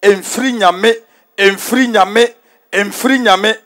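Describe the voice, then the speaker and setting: A man with a Ghanaian accent preaching a forceful, repetitive sermon in a large stadium, mixing in English phrases. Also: sits high, slow. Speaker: prophet preaching.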